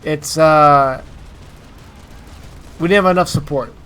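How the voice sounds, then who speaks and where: A man's voice: a little high, takes it slowly, fairly bright tone, clean tone. A man with a congested, stuffed-up nasal voice from allergies, hosting informal, emphatic gameplay commentary straight to his viewers. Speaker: gaming video host.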